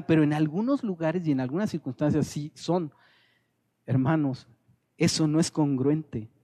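Earnest pastor preaching a sermon. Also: male voice, fairly high pitch, darkish tone. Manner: earnest preaching, repeats phrases for emphasis.

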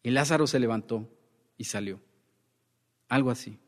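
In a large hall, a man with a medium-pitched voice preaches through the Bible verse by verse, slowly and deliberately. He often pauses to check in with his listeners.

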